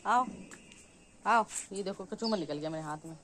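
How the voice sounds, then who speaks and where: A woman's voice: sits low, racing, slight background noise. Chatty woman gardening vlogger outdoors. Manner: chatty, calls excitedly to her cat, scolds it. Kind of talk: casual vlog narration.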